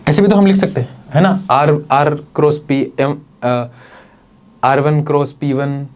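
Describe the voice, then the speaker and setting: In a classroom lecture at a board, a male physics teacher speaks at a measured pace with a fairly high pitch, over a little hiss or hum. He asks and answers his own questions step by step, calling students "bhai sahab" and "beta".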